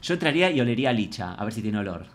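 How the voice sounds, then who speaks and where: A young man with an Argentine accent chatting excitedly to his viewers as he reacts to a reality show. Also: on the low side, rapid-fire, loud music behind the voice. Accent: Rioplatense Argentine Spanish. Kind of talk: casual reaction commentary.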